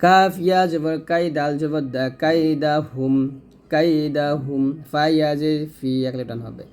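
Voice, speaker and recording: A man teaching correct Quran recitation, spelling out each letter and vowel and then reciting the verses slowly and melodiously. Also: on the high side, fairly even intonation, darkish tone. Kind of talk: step-by-step recitation lesson.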